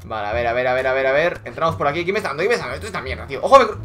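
A young man giving excitable, swearing live commentary over his own gameplay, yelling when he scores. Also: medium pitch, very fast. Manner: excitable, swearing, shouting at kills. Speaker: gaming YouTuber. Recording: music in background.

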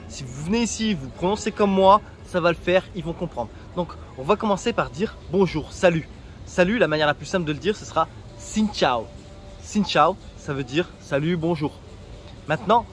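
A man from France giving travel tips in a casual vlog, chatty and joking, speaking straight to viewers outdoors. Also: fairly high pitch. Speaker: travel vlogger.

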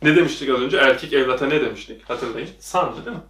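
A man's voice: medium pitch, quick pace, a bit bright. A man teaching a lesson at a whiteboard, quizzing the viewers with repeated questions, recorded in a classroom. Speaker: English teacher. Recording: echoey room, voice from a distance.

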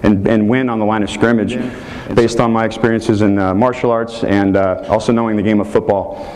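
This rough recording, with a crowd audible behind it, catches a man in his thirties teaching a football clinic in a hotel meeting room. He walks through each move while demonstrating it, speaking briskly in a lowish voice with fairly even intonation.

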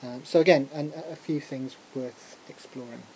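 A music technology lecturer talks through a demonstration in an informal software tutorial, halting and interrupting himself with muttered asides. His mid-pitched voice is warm, with fairly even intonation. The recording is clearly noisy, with room ambience.

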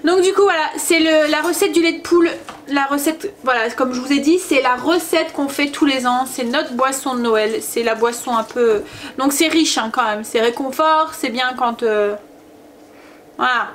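Woman, mother vlogging from her kitchen: high voice, chatty and meandering, lots of hesitations. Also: moderate pace, slight background noise. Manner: rambling, chatty, full of hesitations. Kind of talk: casual chat to camera.

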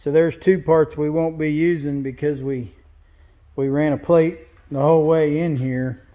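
Tinny audio captures a welder and fabricator talking through his work in a large indoor fabrication shop, pointing things out in an easygoing, straightforward way. His voice is on the high side and narrow, with fairly even intonation and an unhurried pace.

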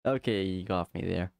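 Slow-talking, low-voiced man livestreaming. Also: creaky, smooth. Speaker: livestreamer, VTuber. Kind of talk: casual livestream chat while playing a block-building game.

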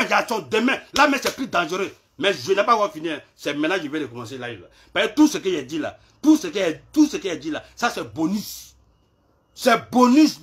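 A man rants in a live video, his voice high and bright. He taunts and repeats himself, jumping from shouts down to low mutters. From Ivory Coast. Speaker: social media clasher.

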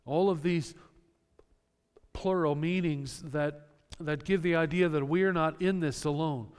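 In a church sanctuary with long reverb, a male pastor preaches an earnest sermon, unpacking scripture through homely everyday examples. His voice is smooth, resonant and slightly high, and he speaks in a steady, unhurried tone.

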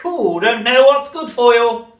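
A reader voicing a nasty, witchlike old grandmother in a storybook reading, slow and loud with drawn-out gloating words, recorded in a roomy space away from the mic. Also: medium pitch, animated, far from the mic, pitched above the performer's own voice, close to an everyday voice.

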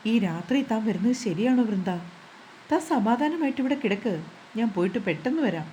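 A woman reading as a calm, caring young husband. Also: a little high, a little fast, slight background noise, lightly acted, low-quality recording. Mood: reassuring. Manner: soothing, reassuring.

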